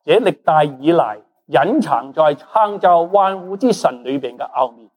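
A male pastor, a Cantonese speaker with a voice pitched slightly high. He preaches in an animated style, quizzing his listeners, answering his own questions and dropping English words into the sermon. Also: a little slow. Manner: animated, asks the congregation questions and answers them.

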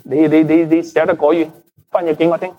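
A man preaching a sermon in a lively, animated way. He is a Cantonese speaker who slips in English words and keeps asking the congregation questions, then answers them himself. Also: on the high side, fairly quick, phone-quality sound. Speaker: pastor.

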